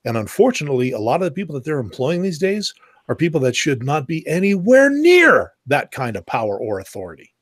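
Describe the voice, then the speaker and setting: Here a podcast co-host with a rather high, very animated voice spins stories at a fairly quick clip, performing the characters' dialogue and cursing a lot. The round-table show is casual, and the dry recording has studio quality.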